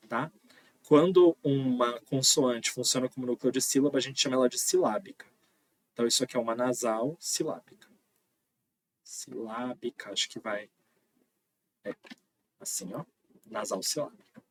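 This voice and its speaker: Husky man teaching phonology. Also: a little high, no echo. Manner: explains patiently, with frequent "tá?" checks. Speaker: linguistics teacher. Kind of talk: online phonology lecture.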